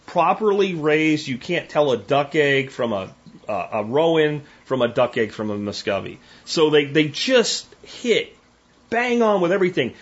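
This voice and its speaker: Man host, casual and opinionated, slightly high voice, dull lo-fi stream audio. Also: animated, a little slow. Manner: folksy, opinionated, with frequent restarts and tag questions. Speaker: homesteading podcast host. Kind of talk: casual live-stream talk answering viewer questions.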